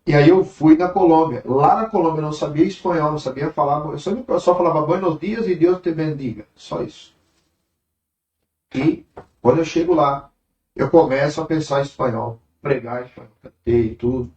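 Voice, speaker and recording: A man's voice: a little high, normal speed. A man with a Brazilian accent, a preacher telling a testimony in an interview, acting out the dialogue. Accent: Brazilian Portuguese. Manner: animated storyteller acting out dialogue. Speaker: traveling preacher. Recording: distant mic, roomy, dull sound.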